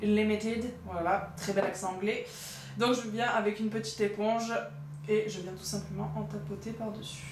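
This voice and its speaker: A woman's voice: mid-range voice, fairly even intonation, normal speed. A young woman narrating a casual makeup tutorial as a vlogger, chatty and joking at her own expense. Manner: chatty, with frequent "donc" and light self-mocking asides. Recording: roomy sound with faint background noise.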